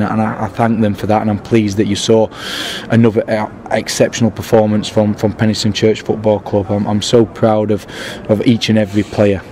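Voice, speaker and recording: A man, a football manager talking after a match with pride and many restarts. His voice sits low and mellow, with little rise and fall. Faint stadium noise hums behind him. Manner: proud, repetitive restarts. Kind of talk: post-match interview.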